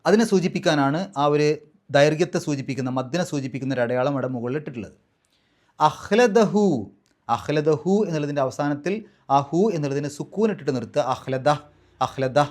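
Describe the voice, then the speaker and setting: A man teaching Quran recitation rules in a patient, step-by-step way, slowly drawing out the recited words as examples. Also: a little high, a little mellow.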